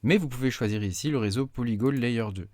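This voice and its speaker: A tech YouTuber makes a casual screen-recorded tutorial, clicking through menus at his desk mic with hesitation and many fillers. His mid-range, darkish voice moves at a quick pace, with no echo.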